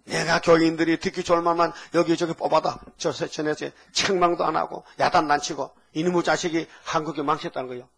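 An older male pastor preaches, firing off rhetorical questions and asides. His voice sits a little high for a man and has a husky edge. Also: little pitch movement, brisk, hardly any pauses, fairly bright tone. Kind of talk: sermon.

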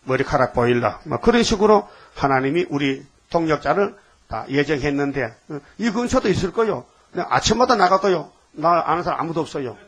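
A man's voice: fairly high pitch, animated, fairly quick, a bit bright, husky. A man preaching a sermon, scolding and firing off rhetorical questions.

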